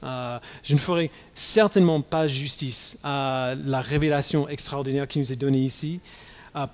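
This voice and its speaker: A man from the United States preaching a sermon as pastor, talking haltingly with many fillers and restarts. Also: medium pitch, fairly even intonation. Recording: long hall reverb.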